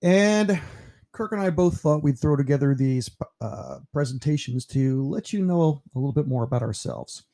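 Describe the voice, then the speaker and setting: A man of about fifty from New York, a teacher narrating a slideshow about himself in a relaxed, rambling way with lots of fillers. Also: a little high, moderate pace. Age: 50s.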